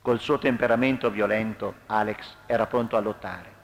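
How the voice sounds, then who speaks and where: A man's voice: fairly low pitch, moderate pace. Man giving a dramatic storytelling reading. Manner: expressive, acts out quoted lines. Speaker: narrator.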